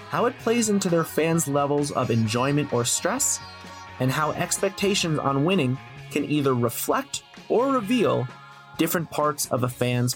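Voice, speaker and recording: A man hosting a sports podcast, reading a scripted introduction and asking interview questions in an earnest, enthusiastic way. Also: medium pitch. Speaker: podcast host.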